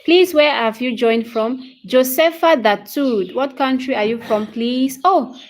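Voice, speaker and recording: A woman's voice: high voice, measured pace. A woman in her thirties with a Cameroonian English accent, hosting a casual live English lesson, greeting viewers by name and answering their comments one by one. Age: 30s. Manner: repeats phrases, checks in with "okay?". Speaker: English teacher hosting a livestream. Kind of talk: casual livestream chat.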